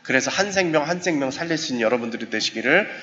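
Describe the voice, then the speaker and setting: In a church sanctuary, a professor gives a lively seminar talk on suicide prevention, speaking at medium pitch and a racing pace. Animated, he acts out short dialogues with his listeners. The recording is muffled, with long church reverb and a faint hiss.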